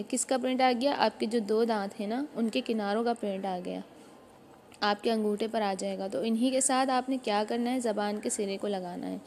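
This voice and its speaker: Woman recitation teacher, fairly high voice, patient step-by-step explaining, slow drawn-out letter sounds, faint hiss behind. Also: darkish tone. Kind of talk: online tajweed lesson.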